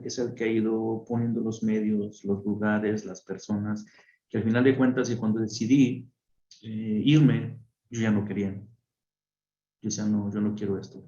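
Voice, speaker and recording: A friar being interviewed on a radio program, telling a personal testimony with lively, acted-out voices. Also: male voice, on the low side, a little slow, reverberant, highs cut off. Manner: animated storyteller who acts out voices. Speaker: friar telling his story. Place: radio studio.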